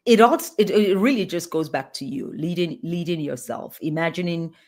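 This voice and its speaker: Earnest woman, lower voice. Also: moderate pace, a little mellow. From Nigeria. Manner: earnest, emphatic, with frequent restarts. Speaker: guest pediatrician and leadership coach. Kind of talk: conversational interview answers.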